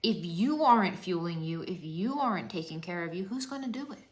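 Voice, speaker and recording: A woman's voice: fairly low pitch, expressive, brisk. A woman fitness coach giving an emotional motivational talk on a livestream, repeating key lines and dropping to whispers for emphasis.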